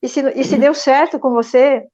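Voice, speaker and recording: A middle-aged woman shares a personal story in a somewhat high voice, earnest and reflective, often checking in with her listeners. The audio comes through a dull, muffled video call. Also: fairly even intonation, moderate pace, dark tone. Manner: earnest, reflective, frequent tag questions. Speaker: speaker sharing a testimony. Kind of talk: personal storytelling in an online meeting.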